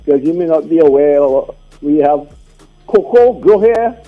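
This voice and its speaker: A man's voice: a little high, animated, moderate pace. A man with a Vincentian accent calling in to radio, chatting casually in a rambling, teasing way full of questions. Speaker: radio phone-in caller. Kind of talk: casual opinionated chat. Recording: muffled radio phone-in with music.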